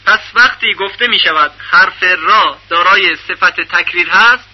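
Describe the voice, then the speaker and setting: A man giving a radio lesson on recitation rules, explaining in a measured way and repeating syllables to demonstrate them. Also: sits high, breathy edge. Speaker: Quran recitation teacher. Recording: dull lo-fi radio recording.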